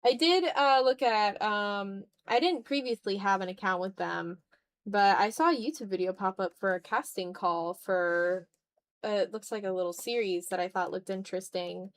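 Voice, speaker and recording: On her art livestream, a content creator talks while she draws, musing out loud with hesitation and a self-deprecating streak. She has a medium-pitched voice and speaks at normal speed.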